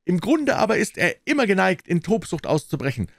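A man voicing a smooth, evasive older male asylum director with a lively, insisting manner. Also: mid-range voice, normal speed, no room sound, clean studio sound, voice pushed down. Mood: shouting.

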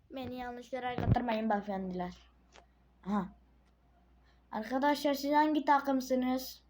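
A woman with a sore throat giving casual gameplay commentary to her viewers, muttering to herself and then breaking into sudden shouts. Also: mid-range voice, low-quality recording. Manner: excitable, swings between muttering and sudden shouting. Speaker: gaming channel host.

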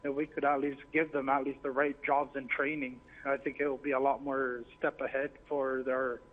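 A narrow, tinny phone line carries a man. He calls in with informal, earnest commentary, keeping his intonation fairly flat at a medium pitch. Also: moderate pace. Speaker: phone-in caller. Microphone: telephone.

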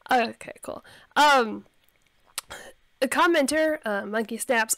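A woman's voice: medium pitch, a bit bright, dry recording. A young woman chatting casually over a life simulation game, giggling and talking to her characters, her voice a little scratchy from a cold. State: slightly hoarse from a cold. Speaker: let's play host.

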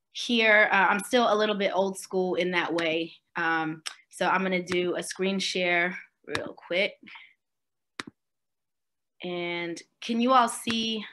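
A keynote speaker in her forties from Swaziland gives a virtual keynote over a video call from a room at home. Her medium-pitched voice is bright and clear, and she speaks in a relaxed, conversational way, pausing with fillers and checking in with listeners. There's a little hiss or hum.

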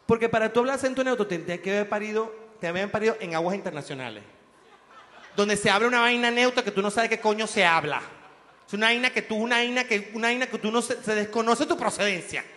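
A man with a Venezuelan accent doing a crude, mocking stand-up comedy routine, telling animated stories. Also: high voice, quick pace, big-room sound.

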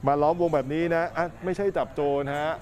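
A man co-hosting a Thai TV news show, giving playful, lively running commentary over news clips in a studio. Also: fairly high pitch, a little fast, a crowd in the background. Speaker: news co-host. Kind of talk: casual news chat.

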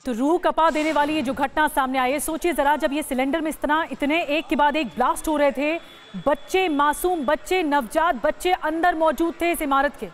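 A woman's voice: high voice, steady tone, moderate pace, a little hiss or hum. A woman news anchor narrating breaking news in an urgent, dramatic tone, often asking the viewer to imagine the scene.

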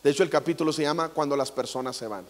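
A high-pitched Mexican man telling stories in a jokey, animated way before an audience. His voice carries a long echo in a large hall. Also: very fast. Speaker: motivational speaker. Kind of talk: comic inspirational talk.

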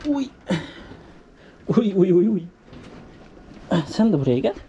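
A man vlogging from his farm, talking casually and soothing animals with quiet, repeated hushes. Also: high voice, big pitch swings, takes it slowly, muffled recording, slight background noise. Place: farm in a rural village, outdoors. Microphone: body-worn camera mic.

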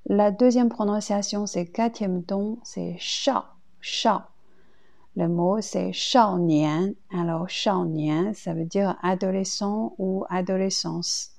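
A woman with a Chinese accent, a native Chinese speaker, teaching a language lesson slowly and deliberately, repeating each example twice. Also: mid-range voice, fairly even intonation, gravelly, darkish tone.

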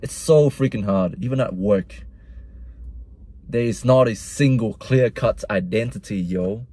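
A man's voice: fairly low pitch, unhurried, warm tone, slightly rough. A young man with a mixed Vietnamese-Australian accent, rambling and soul-searching in a casual personal vlog monologue, often repeating himself. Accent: Vietnamese-Australian mix. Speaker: vlogger.

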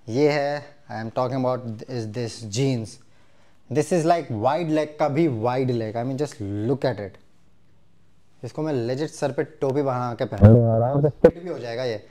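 A man's voice: mid-range voice, warm tone. Young guy from india doing a clothes haul, chatty and direct, lapel mic in a small room. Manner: chatty, mixes Hindi and English, addresses viewers directly. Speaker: fashion vlogger. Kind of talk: casual haul video. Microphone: clip-on lapel mic.

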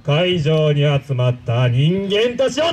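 An actor playing a pompous male android villain, speaking grandly to a live show crowd and shouting his calls. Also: fairly high pitch, very animated, takes it slowly, heavy background noise. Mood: commanding. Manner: grandiose commanding speech, loud shouted calls. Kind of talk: live character-show acting.

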